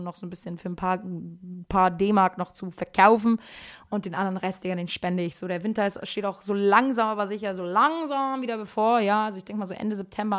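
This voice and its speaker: A young woman in her twenties hosting a casual solo podcast from her kitchen, rambling in slangy speech and dropping "Digga" all the time. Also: mid-range voice. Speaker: podcast host. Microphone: podcast microphone.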